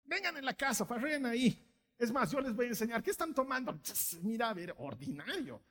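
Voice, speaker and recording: A man's voice: very high-pitched, big pitch swings, brisk, a bit bright, voice pushed up, heavily acted. A man voicing a permissive parent who chummily invites teens to party at home. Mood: chummy. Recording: echoey hall.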